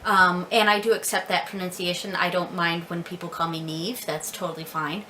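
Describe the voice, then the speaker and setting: A woman's voice: on the low side, little pitch movement, moderate pace, pushed and bright, slight background noise, low-quality recording. An American woman learning Irish, talking casually to camera about names, laughing often and repeating words carefully. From United States. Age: adult with several children. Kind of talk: casual video lesson.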